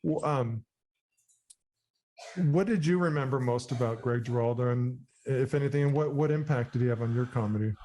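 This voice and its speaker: A man's voice: medium pitch, moderate pace, warm tone, low-quality recording. A man hosting a podcast, chatting casually and putting playful, teasing questions to a guest. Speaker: podcast host. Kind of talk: casual interview chat.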